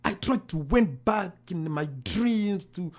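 A man's voice: high-pitched, expressive, slow. A man, a pastor, earnestly telling his story in an interview, often repeating phrases. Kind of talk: interview testimony.

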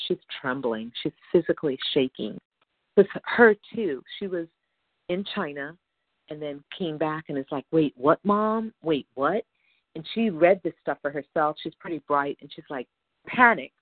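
A woman with a low voice calls seeking advice, speaking anxiously in long, rambling stretches. The phone line sounds tinny and dry, with no echo.

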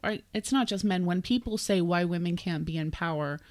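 Low-voiced woman podcast co-host. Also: brisk, a little mellow, dry recording. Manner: chatty, thinks aloud with fillers. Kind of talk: casual podcast chat.

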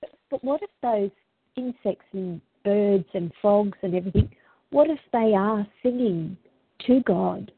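A woman's voice: medium pitch, a little slow, breathy edge, no echo. A narrow, phone-like recording carries an Australian woman in casual, heartfelt conversation. She talks in an earthy, colloquial Aussie bush manner, earnest and reflective. The sound is close and dry, with hardly any room to it. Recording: tinny phone-line sound.

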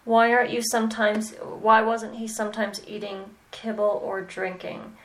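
A woman mentoring a student in animal communication, talking slowly and hesitantly with many pauses and "okay"s. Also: fairly high pitch, little pitch movement, a bit bright, low-quality recording. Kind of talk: mentoring session.

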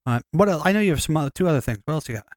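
Racing along in an expressive, slightly high and a little mellow voice, this man co-hosts a podcast, rambling casually, swearing plenty and frequently starting sentences over. The recording is dry and studio quality.

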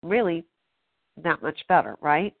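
A woman's voice: fairly low pitch, lively intonation, unhurried, vocal fry, no room sound. A woman coach giving direct, encouraging feedback on a coaching call. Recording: tinny phone line.

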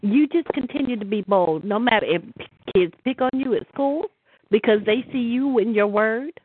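A woman's voice: fairly high pitch, normal speed, slightly rough. Middle-aged woman over a tinny phone. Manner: earnest, stammering restarts. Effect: heard over the phone. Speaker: caller on a prayer line. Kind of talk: spoken encouragement in a church call. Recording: tinny dry phone line.

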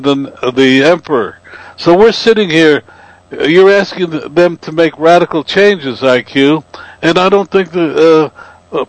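A male talk show host who talks in a halting, stop-start way, searching for his words as he pushes back on his guest. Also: fairly high pitch, no room sound, poor audio.

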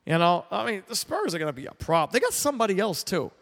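A man's voice: high voice, big pitch swings, quick pace, creaky, fairly bright tone, big-room sound. A man hosting a sports talk show, giving a blunt, opinionated monologue full of restarts and repeated words.

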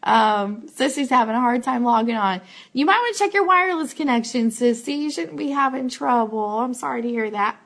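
Hosting a fan live show in an office, a woman makes casual announcements and thanks her viewers. She sounds a little high and a bit bright, with a gravelly texture and a brisk pace.

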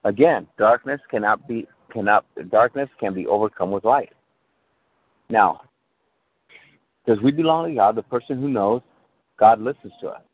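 A man's voice: on the low side, normal speed, pauses often, husky. A male pastor preaching a sermon over a call, checking in with his listeners and restarting phrases as he goes. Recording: tinny call line that breaks up.

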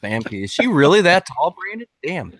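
A man co-hosting a podcast in casual chat, laid-back and quick to laugh. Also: fairly high pitch, very animated, a bit bright, slightly rough, dry recording, clean studio sound. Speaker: podcast co-host.

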